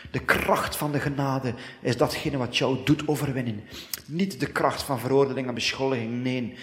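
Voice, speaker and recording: A man preaching and praying fervently, with repeated phrases that swell into loud declarations and stretches of speaking in tongues. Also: medium pitch. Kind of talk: prophetic sermon and prayer. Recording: long echoing hall reverb.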